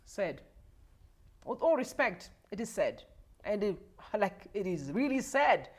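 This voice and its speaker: A woman's voice: medium pitch, sing-song, slow, breathy edge. A woman in her forties from Zimbabwe, hosting a livestream with emotional, repetitive political commentary addressed straight to her viewers. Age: 40s. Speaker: livestream host.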